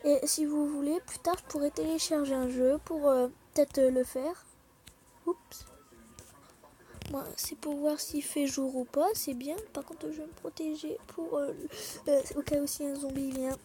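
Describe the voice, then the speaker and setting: Woman chatting over her gameplay, high voice, rambly, keeps whispering little asides. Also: steady tone, measured pace, warm tone, low-quality recording. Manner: apologetic, chatty with viewers. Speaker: gaming video creator. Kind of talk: casual gameplay commentary.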